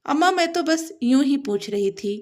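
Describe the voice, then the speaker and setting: A woman's voice: high voice, lively intonation, normal speed, darkish tone, voice pushed up. A woman voicing a scheming young woman who talks sweetly and feigns innocence. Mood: sly.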